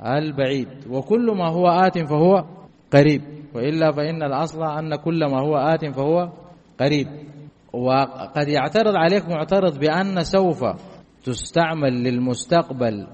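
Male teacher with a fairly high voice. Quizzes the class and repeats the key points. Dull recording with hall reverb. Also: moderate pace, darkish tone. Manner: asks the class questions and answers them himself, repeats key phrases. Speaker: grammar teacher. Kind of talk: classroom lesson explaining grammar.

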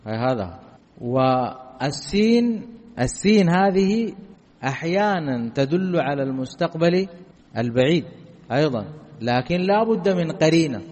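Male teacher with a fairly high voice. Quizzes the class and repeats the key points. Dull recording with hall reverb. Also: a little mellow. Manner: asks the class questions and answers them himself, repeats key phrases. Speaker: grammar teacher. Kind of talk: classroom lesson explaining grammar.

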